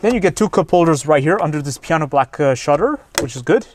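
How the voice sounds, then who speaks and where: A man's voice: fairly high pitch, animated, fast. A man giving a casual, candid car review walkthrough, chatty with frequent fillers.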